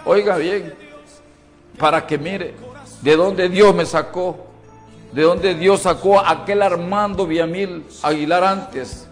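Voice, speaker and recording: A middle-aged man giving a personal testimony at a men's church event, swinging from loud outbursts to hushed confession. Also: high-pitched, steady tone, takes it slowly, faint music behind.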